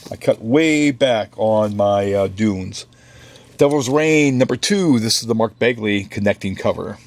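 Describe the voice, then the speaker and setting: Speaking at a measured pace in a fairly low, slightly mellow voice with no echo, a US comic shop owner runs through this week's new releases. He keeps it casual and slips in joking asides.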